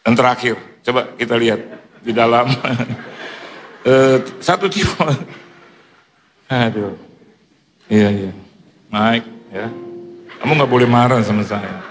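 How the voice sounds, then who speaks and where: A man preaching in a church, telling a funny story with lively quoted asides and frequent laughter. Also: medium pitch, slow, pauses often, noisy background. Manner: animated, joking, mimics others in quoted asides. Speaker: pastor. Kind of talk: sermon with humorous storytelling.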